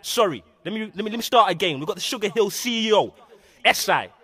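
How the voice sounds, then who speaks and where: A man, loudly mocking rivals in a diss skit with stammering repeats. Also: high-pitched, expressive, fast talker, husky. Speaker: rapper.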